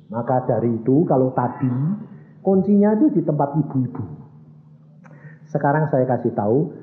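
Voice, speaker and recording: Animated male preacher. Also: mid-range voice, a little hiss or hum. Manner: animated, acts out dialogue. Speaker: evangelist preacher. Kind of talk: storytelling sermon. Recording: tinny, echoey church recording.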